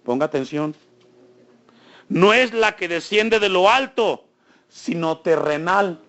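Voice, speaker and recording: A man's voice: sits high, animated, takes it slowly, fairly bright tone. A male pastor preaching a sermon in a church, asking the congregation frequent questions and building emphasis.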